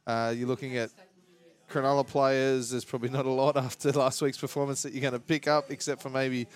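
Australian man with an even, flat delivery. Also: medium pitch, a little fast, clean tone. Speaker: fantasy rugby league podcast co-host. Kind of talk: casual sports chat and analysis.

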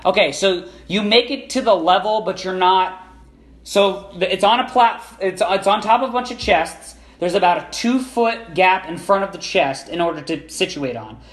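A high-voiced man running a tabletop role-playing game, narrating scenes and calling for checks. He talks casually, restarting sentences as he goes. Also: moderate pace, fairly bright tone. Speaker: game master.

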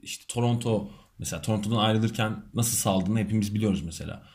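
A man's voice: on the low side, quick pace, darkish tone. A man co-hosting a podcast, making his case in a casual chat and laughing easily. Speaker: podcast co-host.

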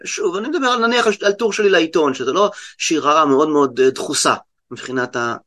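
A man with an Israeli accent explaining things conversationally as an interview guest, halting and often restarting mid-word. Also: fairly high pitch, lively intonation, sharp tone. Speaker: guest translator and poet.

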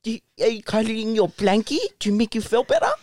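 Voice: mid-range voice, brisk, a little mellow, no room sound, studio quality. A podcast host chatting casually and playfully, egging the others on during prank calls.

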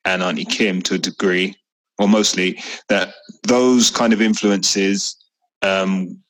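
Low-voiced man, easygoing storyteller. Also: takes it slowly, low-quality recording. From East London. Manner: relaxed storytelling, jokey asides. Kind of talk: casual family chat.

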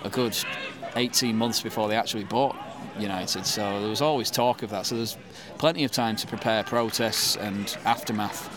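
Crowd noise runs beneath a casual interview with a football fan in his thirties who has a Manchester accent and is from England. He has a lowish voice and a moderate pace, barely pausing, though his speech is full of ums and restarts.

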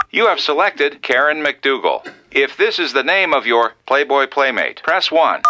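A man voicing a mock automated phone menu, reading a recorded message in a polished, measured announcer delivery. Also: medium pitch, natural voice. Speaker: voice actor in a parody clip. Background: loud upbeat music.

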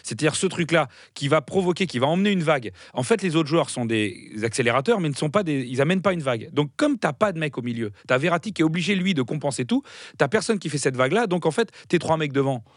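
A man on a football panel, joking and quick-witted in casual debate. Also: a little high, lively intonation, no room sound, clean studio sound.

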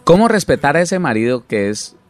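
A man's voice: a little high, very animated, a little fast, no room sound. Earnest pastor man, dry sound. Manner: earnest, explanatory, with frequent restarts. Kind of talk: conversational Bible teaching.

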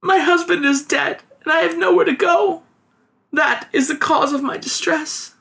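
A man's voice: very high voice, steady tone, measured pace, vocal fry, sharp tone, pitched above the performer's own voice, full character voice. A man voicing a sorrowful young widow who speaks in a plaintive, formal old-fashioned way.

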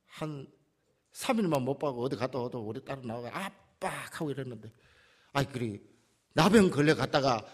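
A man's voice: fairly high pitch, fairly bright tone. A male pastor with a Gyeongsang accent preaching a conversational sermon and putting questions to the congregation. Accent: Gyeongsang dialect. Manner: conversational, asks the audience questions.

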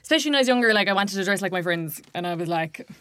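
A woman's voice: medium pitch, animated, rapid-fire, fairly bright tone, dry recording. A young woman from Kerry with a west of Ireland accent, chatting informally as a podcast guest and peppering her speech with "like". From County Kerry, Ireland. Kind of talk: casual chat.

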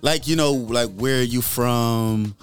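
A man's voice: medium pitch, slow, clean tone, faint music behind. A man with a New Jersey accent hosting a casual podcast interview, loose and profane, full of fillers and repeats. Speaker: podcast host.

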